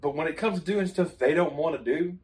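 A man's voice: on the high side, fairly quick, a little mellow, distant mic. Man, podcast host, joking, loose delivery, sits back from the mic. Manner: joking, laughs often, acts out family dialogue. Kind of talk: casual podcast chat.

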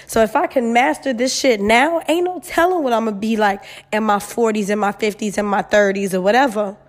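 Female host, mid-twenties, higher-pitched, emphatic and blunt, casual slangy advice talk, echo on the audio. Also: fairly quick. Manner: blunt, sassy, heavy swearing, emphatic. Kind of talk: casual solo chat with advice, frank and slangy. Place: new, mostly empty apartment. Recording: echoey near-empty apartment room.

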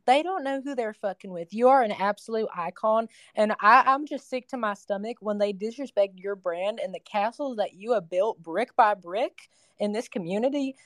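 A woman in a live audio chat with a mid-pitched voice and a dry, close sound. She speaks with impassioned indignation, her words charged and fervent. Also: moderate pace, fairly bright tone, no room sound. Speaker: guest.

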